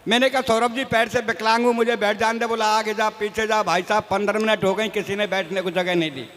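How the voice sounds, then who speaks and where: This Rajasthani comic poet's voice sits high and is fairly bright, with fairly even intonation and a slightly fast pace. He performs folksy, self-mocking stage poetry, talking straight to the audience, and the hall adds an echoey reverb.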